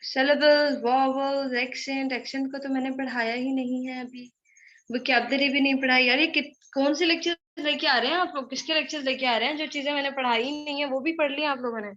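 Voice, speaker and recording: A young woman teaching spoken English in a live online class. She teases and scolds her students briskly, slipping English phrases into her Hindi-Urdu speech. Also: high-pitched, steady tone, fairly bright tone. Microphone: computer mic in a live online class. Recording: dull lo-fi online call audio.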